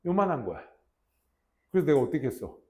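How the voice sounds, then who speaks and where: A man in his thirties, a teacher telling a class a story in a casual, animated way and acting out shouted army roll calls. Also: fairly high pitch, quick pace. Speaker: English teacher.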